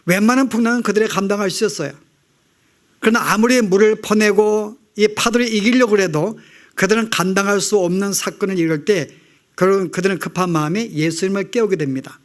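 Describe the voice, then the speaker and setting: Guy pastor w a high voice preaching, asks the congregation questions, acts out the prayers. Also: fairly quick. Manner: rhetorical questions to the congregation, acting out quoted prayers. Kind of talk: sermon.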